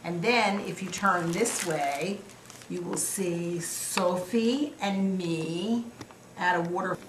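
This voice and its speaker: A woman's voice: lowish voice, slow. An older grandmother reminiscing casually over family photos in a sweet, affectionate old-lady manner. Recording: echoey room with clear background noise.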